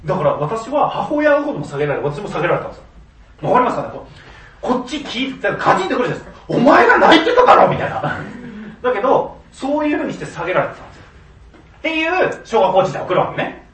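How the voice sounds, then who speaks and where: A high-voiced man tells a story with big swings in pitch, laughing as he goes and slipping into the voices of the people he quotes. He sits a little back from the mic in an echoey room with faint noise behind him. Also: sing-song, very fast, a bit bright, far from the mic. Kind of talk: storytelling monologue.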